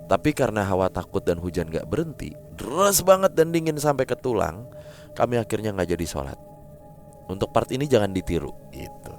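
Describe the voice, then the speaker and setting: A man with a very low voice reads a horror story aloud, his pitch swinging widely as he dramatizes each scene. Faint music plays underneath. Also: very animated, brisk. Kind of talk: first-person story reading.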